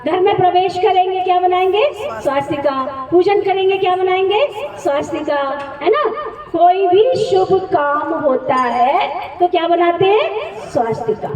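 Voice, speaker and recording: Very high-voiced woman quizzing a group. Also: lively intonation, measured pace. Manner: instructive, keeps quizzing the group and urging louder answers. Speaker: spiritual teacher. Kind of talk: spiritual class with call-and-response. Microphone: no microphone, speaking unamplified. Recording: distant voice with loud outdoor noise.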